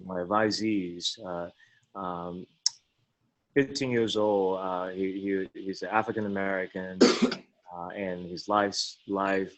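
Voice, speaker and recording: A man with a voice hoarse from a cold, speaking as an educator on a webinar panel, halting, with many ums and repeats. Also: low-pitched, dry recording, rough recording. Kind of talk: casual personal story on a webinar panel.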